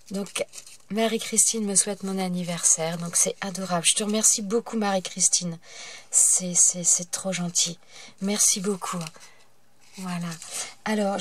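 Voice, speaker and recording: A woman's voice: medium pitch, noisy background. Chatty woman with a stuffy cold. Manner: chatty, full of fillers and delighted exclamations. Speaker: craft channel host. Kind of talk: casual mail-opening vlog.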